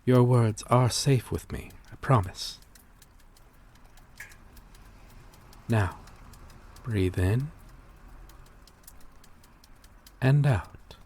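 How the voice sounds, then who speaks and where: In an ASMR roleplay, a male voice performer plays a courteous, melancholy vampire-like creature, speaking gently and intimately in formal, old-fashioned phrases. His voice is medium-pitched and slow, tender and reassuring in mood.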